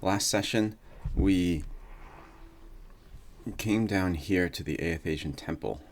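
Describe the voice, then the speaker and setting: Very deep-voiced man doing unhurried game commentary. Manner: unhurried, musing. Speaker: gaming host. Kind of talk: casual let's-play commentary with reading of game text. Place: indoors, seated at a computer. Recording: faint noise, chair creaks. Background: creaking chair, faint background noise.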